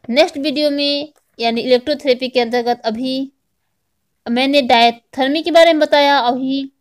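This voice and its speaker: A woman with a high, clear voice teaches an online exam-prep lesson, narrating from a script over slides. Her style is didactic, restating key points as questions and answers.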